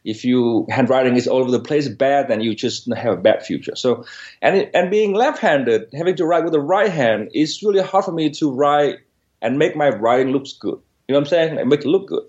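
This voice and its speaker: A man in his forties with a Vietnamese accent tells his story in an interview. His pitch sits in the middle of the male range, and he talks earnestly, restarting and repeating words as he searches for them. The recording is slightly dull and lo-fi. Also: animated, fairly quick, a little mellow. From northern Vietnam. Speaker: interview guest.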